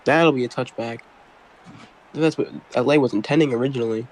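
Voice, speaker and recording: A man's voice: medium pitch, brisk, poor audio. A man doing casual amateur play-by-play football commentary, rambling and correcting himself as he goes. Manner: rambling, self-correcting, apologetic while multitasking.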